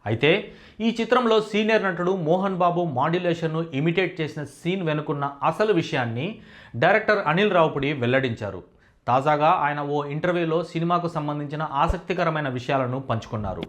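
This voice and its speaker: A man giving a scripted entertainment news voice-over in a steady, formal reading manner. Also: on the high side, a little fast.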